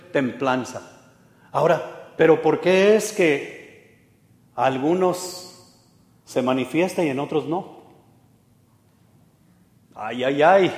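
Preacher in an echoey hall. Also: male voice, a little high. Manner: conversational storytelling, humorous asides. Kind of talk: sermon. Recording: echoey hall with long reverb.

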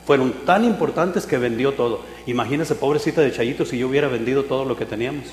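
Lively pastor preaching in an echoey hall. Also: male voice, medium pitch, fast talker. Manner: lively storyteller, swings between loud exclamations and quiet asides. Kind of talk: sermon with a humorous personal story. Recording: echoey hall with mains hum.

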